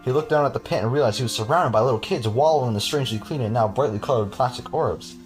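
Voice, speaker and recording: A man's voice: mid-range voice, fast, soft background music. A man hosting a podcast, reading a horror story aloud with casual, chuckling asides to his cohost.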